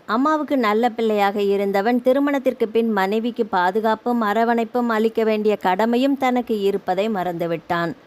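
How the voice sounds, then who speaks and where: A woman reading a novel aloud as audiobook narrator in a steady storytelling delivery. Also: on the high side.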